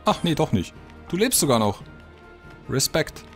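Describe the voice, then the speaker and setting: A man's voice: on the high side, big pitch swings, a little slow, soft background music. A man giving casual gameplay commentary, thinking aloud and muttering his reactions as he plays. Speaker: let's play gamer.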